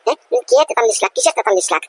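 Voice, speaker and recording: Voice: mid-range voice, big pitch swings, rapid-fire, breathy edge. A performer voicing a brash young man in a cartoon comedy, sharply grilling his aunt about a lie. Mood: accusing. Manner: brash, accusing, repeated "hm?".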